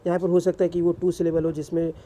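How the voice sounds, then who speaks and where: A man's voice: fairly high pitch, monotone, quick pace, mellow, slight background noise. A man teaching English grammar in a classroom-style lecture, asking rhetorical questions and answering them himself.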